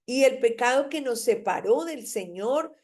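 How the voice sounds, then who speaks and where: A woman's voice: on the high side, expressive, unhurried, darkish tone. A woman preaching a daily devotional, reading scripture and urging the listener with emphatic repetition. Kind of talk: devotional sermon with Bible reading.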